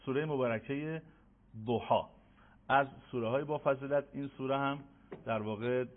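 A man teaching Quran recitation in an online lesson, slowly drilling letter sounds for listeners to repeat. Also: mid-range voice. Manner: slow, emphatic drilling of sounds for repetition. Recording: tinny phone-like audio.

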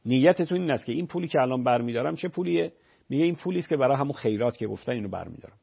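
On a radio call-in program, a male religious scholar takes questions from callers and patiently clarifies rulings using examples from daily life. He speaks at a medium pitch with lively intonation and a creaky, husky quality. The broadcast sounds dull and lo-fi.

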